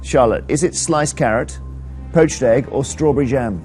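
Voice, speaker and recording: A man's voice: mid-range voice, normal speed, a little mellow, faint music behind. A man hosting a TV quiz show, reading questions and bantering with the contestants in a teasing way. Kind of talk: TV quiz presenting.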